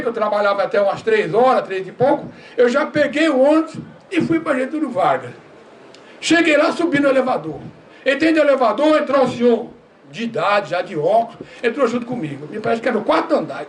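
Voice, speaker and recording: An older man, a former postal worker, telling lively stories at a seminar, acting out dialogue and often laughing. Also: extremely high pitch. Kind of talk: storytelling talk at a seminar. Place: university seminar room. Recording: distant mic, faint room noise.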